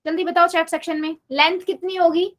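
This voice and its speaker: A woman's voice: extremely high pitch, little pitch movement, a little fast. A woman math teacher giving a live online class, patiently coaxing her students and repeating her questions, mixing English math terms into her Hindi.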